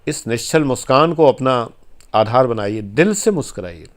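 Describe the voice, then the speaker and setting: A man's voice: mid-range voice, lively intonation, moderate pace. A man giving a motivational talk on life and marriage, earnest and exhorting, with firm emphasis. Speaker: life coach giving advice.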